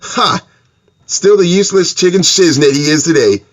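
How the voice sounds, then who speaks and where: A man's voice: fairly high pitch, a little fast, background noise. A man giving casual, sarcastic and profane commentary as a movie reviewer.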